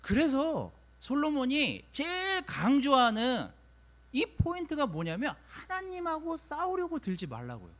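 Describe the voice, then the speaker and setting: A woman pastor preaching a sermon in a church, talking in a lively, conversational way. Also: sits high, a little slow. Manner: animated, conversational preaching, acts out complaints.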